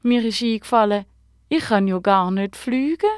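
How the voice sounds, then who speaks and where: A woman voicing a kindly, clumsy male guardian star who has fallen to earth, speaking gently and explaining patiently in a storybook tale. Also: a little high, animated, moderate pace, clear, resonant tone, no echo, clean studio sound, pitched above the performer's own voice, close to an everyday voice. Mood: eager.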